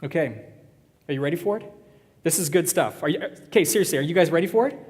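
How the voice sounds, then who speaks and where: A man preaches in a church, easygoing and quick to joke with his congregation. His voice sits a little high for a man. A long reverb from the sanctuary trails each phrase. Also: animated, a little mellow. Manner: conversational, joking with the congregation. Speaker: pastor. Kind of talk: sermon.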